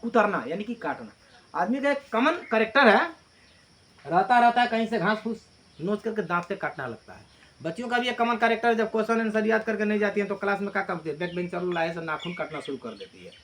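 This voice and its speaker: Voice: medium pitch, animated, quick pace, a bit bright. A teacher explaining a poem to a class, repeating key lines, asking the students questions and answering them, and reading the English lines aloud. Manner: mixes Hindi with read-out English lines.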